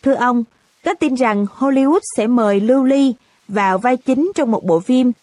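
A woman's voice: a little high, moderate pace, a little mellow, no room sound, natural voice. A woman reading the part of a reporter who asks formal, polite questions in a storybook reading. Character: persistent press reporter.

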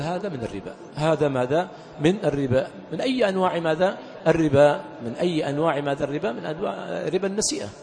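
A sheikh teaches jurisprudence in a mosque, talking at a brisk clip in a fairly high voice. He keeps asking his listeners to fill in the next word, then repeats it himself. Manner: call-and-response prompts, repeating key words. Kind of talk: Islamic jurisprudence lesson.

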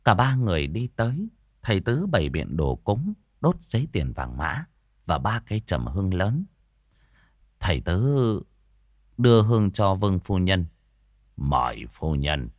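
A man with a low voice narrates a ghost story, measured but expressive. His pitch moves a great deal between lines. The recording is dry and close to the mic. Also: no echo.

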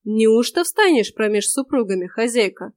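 A solemn warrior hero, read by a woman, speaks plainly and gruffly in old-fashioned words. He is earnest and a little grim. The reading is dry and close. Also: a little high, expressive, normal speed, darkish tone, no room sound, natural voice.

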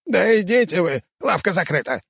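Grumpy ancient tree-creature merchant, rude and rasping, pitched way up. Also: male voice, lively intonation, moderate pace, no room sound, studio quality, heavily acted. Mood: fed up. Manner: snappish, rude. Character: grumpy old male tree-creature shopkeeper.

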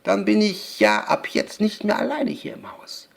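A man voicing a curious old woman neighbor who seems like a witch, in a dark, rough voice. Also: high voice, very animated, normal speed, pitched above the performer's own voice, exaggerated voice. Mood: friendly.

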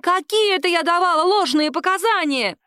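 A woman acts out a lying woman under questioning, her voice shrill and screeching. She protests hysterically, pitched very high with wild swings. The sound is dry and close. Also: lively intonation, moderate pace, pushed and bright, no echo, exaggerated voice. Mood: shrieking. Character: shrill lying middle-aged woman suspect.

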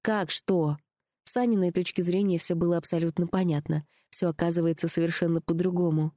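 A woman narrating an audiobook with an even, measured reading. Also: on the low side, dry recording, studio quality.

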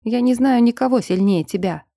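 A woman voicing an easygoing, soothing young male werewolf in her own mellow voice. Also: a little high, normal speed, no echo, studio quality, voice pushed up.

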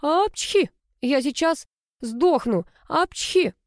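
A woman's voice: on the high side, animated, normal speed, darkish tone, dry recording, studio quality, pitched above the performer's own voice, lightly acted. A woman reading the lines of a grumpy teenage boy who keeps sneezing and mumbling, in audiobook narration. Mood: peevish.

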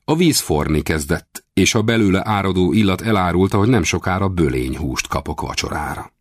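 Male audiobook narrator, low and animated, expressive first-person adventure reading, dry studio sound. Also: dry recording. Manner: expressive, raises pitch for shouted dialogue.

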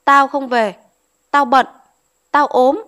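A woman's voice: on the high side, moderate pace, a bit bright, natural voice. A woman reading aloud voices a proud, feverish young bride who answers back sharply and indignantly.

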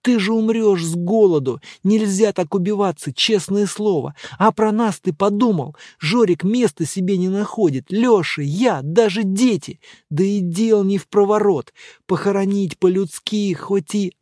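A man's voice: high-pitched, measured pace, a little mellow, no echo, clean studio sound. A man reading an audiobook, voicing a worried, emotional woman who pleads and exclaims. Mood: pleading. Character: worried middle-aged woman, fussing and emotional.

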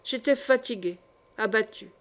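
A woman narrating a classic short story in a measured, dramatic way. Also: fairly high pitch. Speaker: audiobook reader. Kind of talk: literary narration.

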